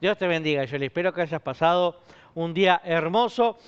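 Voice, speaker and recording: A man's voice: on the high side, a little fast, clean tone. A man with a Rioplatense Spanish accent, a pastor making informal church announcements with many fillers. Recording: muffled lo-fi stream.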